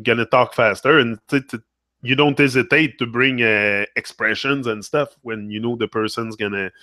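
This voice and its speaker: A native French speaker with a Québécois accent hosts a casual livestream, reading comments and chatting with viewers while switching between English and French mid-thought and tagging phrases with "là". His voice is medium-pitched, bright and forceful, with fairly even intonation, normal speed and no echo.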